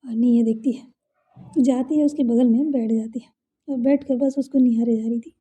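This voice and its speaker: A woman's voice: a little high, steady tone, normal speed, slightly rough. A woman telling a serialized love story in a casual, chatty narrating style with her own asides. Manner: conversational, warm-hearted retelling with asides.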